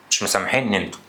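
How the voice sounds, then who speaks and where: A man with an Egyptian Arabic accent teaching grammar in a playful, teasing way, acting out the questions his students might ask. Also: bright, forceful tone. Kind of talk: energetic classroom lesson. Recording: echoey room.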